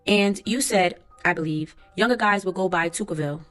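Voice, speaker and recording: A woman's voice: fairly low pitch, a little fast, a bit bright, lightly acted. A woman reading aloud a court transcript as the lines of a lawyer, who asks formal, methodical questions, with faint music behind her.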